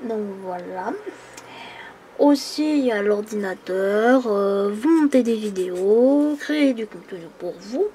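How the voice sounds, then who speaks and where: A woman's voice: medium pitch, animated, unhurried, warm tone, slight background noise. A woman in her twenties from the Île-de-France region, chatting casually and hesitantly while coloring on camera at a table, with many fillers. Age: 20s. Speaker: coloring YouTuber. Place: indoors at a table.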